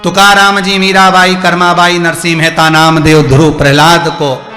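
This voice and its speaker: Male preacher, devotional sermon, bright forceful voice, long hall reverb. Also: a little high, little pitch movement, moderate pace, faint music behind. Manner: emphatic, acts out dialogue, asks the crowd. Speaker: katha preacher.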